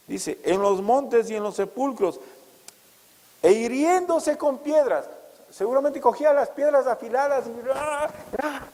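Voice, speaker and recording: A male pastor preaching a sermon, asking rhetorical questions and rising loud and high for emphasis. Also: big-room sound, rough recording.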